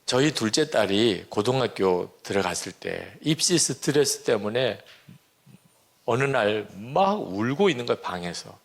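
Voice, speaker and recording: A man's voice: fairly low pitch, big pitch swings, unhurried, vocal fry. A man in his sixties, a pastor, giving an earnest sermon testimony and acting out the prayers and talk he quotes. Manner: earnest storytelling, acts out quoted prayers and dialogue.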